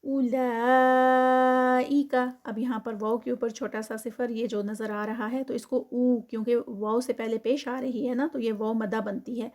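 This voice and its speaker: Patient woman teaching Quran recitation, higher voice. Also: warm tone. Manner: patient, explains each letter slowly and step by step. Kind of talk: tajweed lesson, explaining then reciting.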